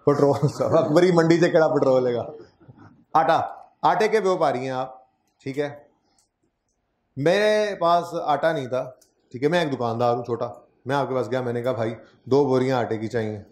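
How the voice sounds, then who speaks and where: Speaking at a normal speed but leaving long pauses, a man with a mid-range voice teaches accounting. He explains each step and frequently checks on his students, and the classroom sounds echoey.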